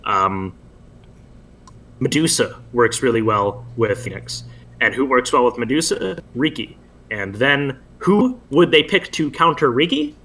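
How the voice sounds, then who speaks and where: A man who drafts for his team, rambling in a casual post-match chat, animated and joking, with frequent fillers. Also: mid-range voice, unhurried.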